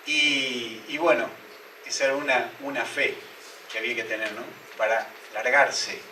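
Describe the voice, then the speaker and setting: A man's voice: mid-range voice, pushed and bright, slight background noise. A male pastor preaching a sermon and asking his listeners many rhetorical questions. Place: church hall. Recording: roomy, echoey church hall, mic at a distance.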